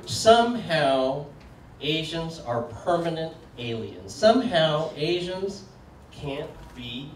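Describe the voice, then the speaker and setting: A man in his sixties giving a relaxed, joking public talk with plenty of fillers, putting questions to an audience. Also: a little high, slow. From United States. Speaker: speaker. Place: community meeting room. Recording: echoey room from far off, faint background noise.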